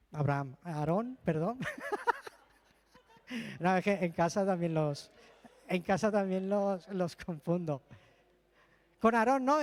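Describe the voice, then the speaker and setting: A man's voice: high-pitched, darkish tone. A man preaching a sermon in a church and telling a heartfelt personal testimony. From Spain. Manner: earnest, heartfelt storytelling with emotional asides. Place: church hall. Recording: long reverb of a church hall.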